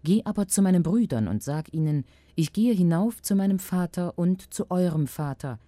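Calm grave teacher man, read out by a woman, low voice, dry close sound. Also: moderate pace, no echo, natural voice. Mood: solemn. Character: calm risen male teacher, gentle and grave. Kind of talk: scripture reading.

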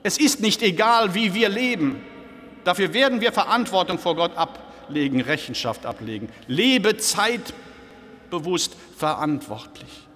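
A man preaching a sermon in a church, slow and reflective, posing question after question to the congregation. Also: high-pitched, expressive, a bit bright. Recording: church hall with long reverb.

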